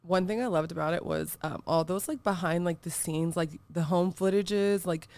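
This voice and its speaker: A woman's voice: fairly low pitch, moderate pace, darkish tone, dry recording. A woman in her thirties hosting a podcast, chatting in a bubbly, giggly way with lots of filler words and casual swearing. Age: 30s. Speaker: podcast host.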